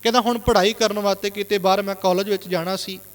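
A man's voice: high voice, steady tone, quick pace, smooth, big-room sound. A Sikh preacher telling a moral story in an earnest sermon, repeatedly inserting "he said.".

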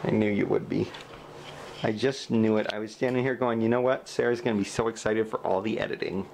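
A man's voice: fairly low pitch, fairly even intonation, fairly quick, vocal fry, a little mellow, slight background noise. A man in his thirties chatting and joking into a handheld camera in a cluttered living room at home. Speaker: family vlogger. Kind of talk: casual home vlog.

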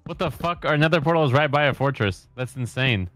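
Lively, teasing young man with faint music. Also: medium pitch, a little fast. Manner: playful, teasing, laughs often. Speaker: gaming co-host. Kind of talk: casual gaming chat with friends.

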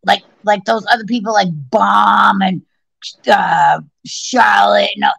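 This middle-aged guest caller shouts in a steady, mid-range voice with vocal fry, a fairly bright tone and a breathy edge, taking her time. She's on a casual video call from her living room, phone held close, talking bluntly, cursing freely and rambling with restarts.

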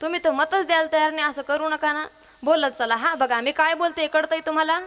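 A woman's voice: high-pitched, fairly even intonation, a little fast, fairly bright tone. A woman kirtankar from Maharashtra, giving a devotional sermon to a women's gathering, quizzing the crowd and singing verses. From Maharashtra, India. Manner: call-and-response, quizzing the audience, sings verses. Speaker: kirtankar preacher.

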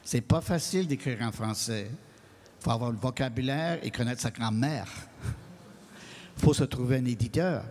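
A man's voice: mid-range voice, moderate pace, a little mellow. Franco-American man in a reverberant hall. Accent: Franco-American French. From New England, United States. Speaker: guest writer. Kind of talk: answering audience questions. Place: stage of a large hall. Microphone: handheld mic.

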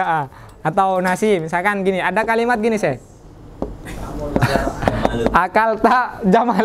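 Joking man teaching a class. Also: high voice. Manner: lively, joking, quizzes the class. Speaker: Arabic teacher. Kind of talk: classroom lesson. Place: mosque classroom.

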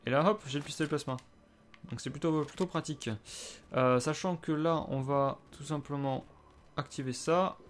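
A man's voice: fairly high pitch, normal speed, a little hiss or hum. French gamer commenting his play, casual. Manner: casual, swearing, frequent hesitations and sudden exclamations. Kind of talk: live gameplay commentary.

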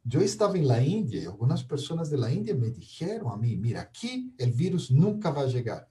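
A man's voice: mid-range voice, mellow, distant mic. A middle-aged man from Brazil speaking Spanish with a Brazilian Portuguese accent, giving a reflective, conversational spiritual talk and often ending points with a questioning "ya". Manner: unhurried, often ends points with "¿ya?".

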